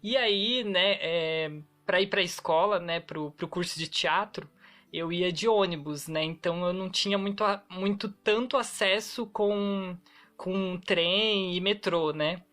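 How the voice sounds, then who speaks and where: A man's voice: sits high, measured pace, bright, forceful tone, faint music behind. A man telling a personal story on a podcast, hesitant and sprinkled with tag fillers. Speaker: podcast co-host, actor. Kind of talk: casual storytelling.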